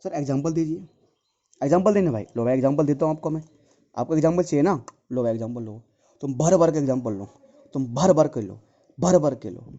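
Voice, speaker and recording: A male tutor works through a math lesson, asking his class questions and answering them himself, saying each point over and over. His voice is deeply mellow and dark yet sits a little high. The recording sounds dull and lo-fi. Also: lively intonation, brisk. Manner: repetitive, asks and answers his own questions, addresses students as dear children.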